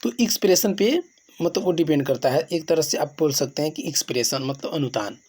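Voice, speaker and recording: A man teaching grammar in a classroom-style lesson, explaining slowly and repeating points, often asking a question and then answering it himself. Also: fairly high pitch, expressive, darkish tone, breathy edge. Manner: slow, repetitive explaining.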